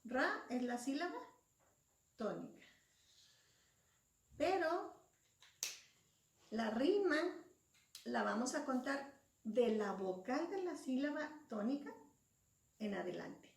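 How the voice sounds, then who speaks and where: A woman's voice: high voice, very animated, takes it slowly, creaky, long pauses, slight background noise. A woman teacher explaining a lesson patiently, spelling out syllables and letters one by one. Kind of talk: slow classroom explanation. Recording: echoey room, voice far from mic.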